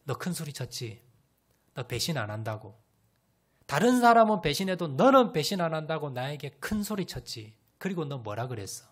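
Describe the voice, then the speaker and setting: A man voicing a gentle, fatherly figure who speaks softly and calmly to his followers. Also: normal speed. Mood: reproachful. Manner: soft, lowered, calm delivery.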